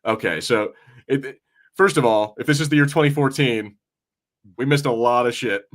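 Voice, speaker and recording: Chatting informally about films in a watch-party style podcast he co-hosts, this man tends to ramble and often breaks off mid-thought. He speaks at normal speed in a mid-range voice.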